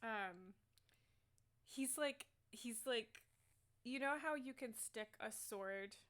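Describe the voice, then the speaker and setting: A young woman narrating as game master in a chatty, animated way full of fillers. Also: fairly high pitch, slow pace.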